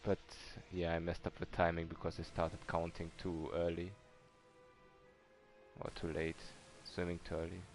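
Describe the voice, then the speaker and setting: Low, gravelly man streaming a speedrun. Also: completely flat delivery, normal speed, faint music behind. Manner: chatty, answers chat, self-deprecating about mistakes. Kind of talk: casual stream commentary.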